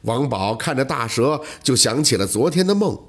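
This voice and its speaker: Husky, animated male storyteller. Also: medium pitch. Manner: animated storytelling with dramatic pauses. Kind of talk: scripted folk tale narration.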